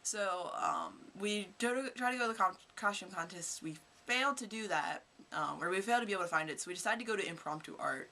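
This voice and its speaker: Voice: mid-range voice, expressive, brisk, few pauses, pushed and bright. A teenage vlogger from Kentucky telling rambling stories to camera in a casual, chatty way. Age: teens. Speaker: vlogger, high school student.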